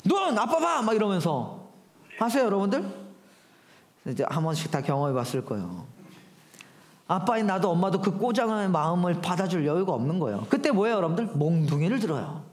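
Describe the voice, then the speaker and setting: A man's voice: sits high, roomy sound. A man in his thirties preaching a sermon, telling stories animatedly and speaking directly to the congregation. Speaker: pastor. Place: church hall.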